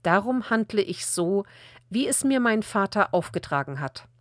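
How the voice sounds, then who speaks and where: Woman calmly reading scripture, dry sound. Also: mid-range voice, no echo. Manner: calm, measured reading. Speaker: Bible reader.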